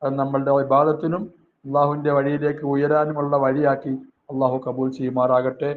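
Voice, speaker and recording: A man teaching a religious class, reading Arabic phrases and explaining each one in a slow, measured way, with short prayers between. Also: medium pitch, level tone. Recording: tinny phone-like audio with faint hiss.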